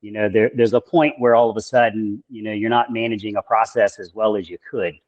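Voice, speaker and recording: A man who is a guest endurance coach, talking in a relaxed, measured way with plenty of fillers in a casual interview. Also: on the low side, dry recording, muffled recording.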